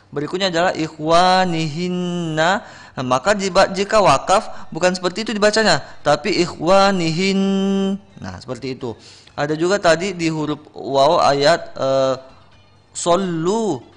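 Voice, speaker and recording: A man giving patient, corrective feedback on Quran recitation on a radio program, slowly sounding out each word. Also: on the high side, a bit bright.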